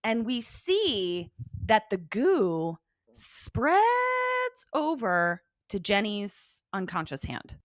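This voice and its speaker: A woman's voice: a little high, drawn-out words, dry recording, clean studio sound. A woman co-hosting a podcast, chatting casually and acting out character lines as she recaps. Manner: animated, acts out character lines. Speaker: podcast co-host.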